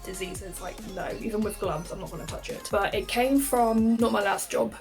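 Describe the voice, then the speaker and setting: A woman's voice: medium pitch, moderate pace, over music. Chatty young woman vlogging. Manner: chatty, heavy use of "like", laughs often. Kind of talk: casual storytelling to camera.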